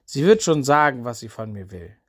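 A calm, composed teacher speaking with quiet authority, put on by a man reading a Bible story. The voice stays close to his normal narrating voice, measured and even. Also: medium pitch.

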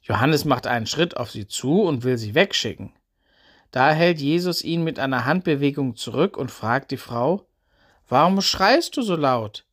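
Man gently narrating a Bible story. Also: medium pitch, animated, moderate pace, slightly rough.

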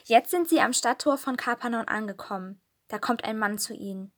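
A woman reads a children's Bible story aloud with calm, clear storytelling. Her voice sits somewhat high. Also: fairly quick.

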